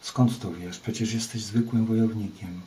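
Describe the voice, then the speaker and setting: Male reader playing a hot-tempered chief, curt and commanding, low and even. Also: normal speed, far from the mic, a little hiss or hum, lightly acted, low-quality recording.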